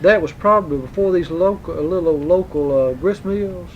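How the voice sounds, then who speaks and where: Higher-pitched Southern man interviewing informally. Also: fairly quick, lo-fi sound, crowd noise. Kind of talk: informal oral history interview. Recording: faint rumbling noise on home tape.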